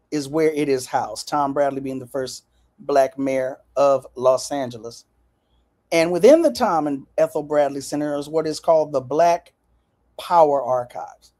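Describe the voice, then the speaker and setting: Lively folksy woman host, mellow voice. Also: sits low, a little slow. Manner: folksy, lively, talks straight to viewers. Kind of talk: casual chat to viewers.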